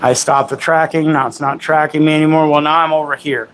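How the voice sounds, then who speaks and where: Chatty man demoing gadgets live, fairly high voice. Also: little pitch movement, fairly quick, fairly bright tone, slight background noise, poor audio. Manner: rambling, self-correcting, chatty with viewers. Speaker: livestream host demoing gimbals. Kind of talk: casual live product demo.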